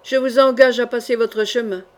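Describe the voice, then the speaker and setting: A woman reading an audiobook, voicing a rough, wine-soaked nobleman who growls and sneers at his victims. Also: a little high, steady tone, moderate pace, natural voice. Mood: menacing. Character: rough drunken male nobleman bully.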